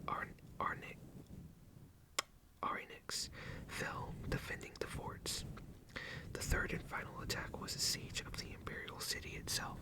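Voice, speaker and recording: A person whispering close to the ear in an ASMR style, reading carefully from a book and sometimes stumbling over words. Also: rough recording. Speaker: ASMR host. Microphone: close ear-to-ear microphone.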